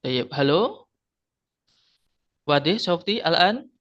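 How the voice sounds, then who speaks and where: A male teacher on a video call, his voice slightly high and unhurried. The connection keeps breaking up, so the audio stutters, drops and glitches. Everything sounds muffled and lo-fi. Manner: calmly checking if he can be heard. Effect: choppy, breaking-up internet connection audio. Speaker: Arabic grammar teacher. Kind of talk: online class over a call. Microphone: laptop or phone on a video call.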